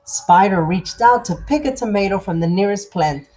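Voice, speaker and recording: A woman reading a children's story aloud as storyteller, with deliberate, dramatized phrasing. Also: medium pitch, expressive, mellow, a little hiss or hum.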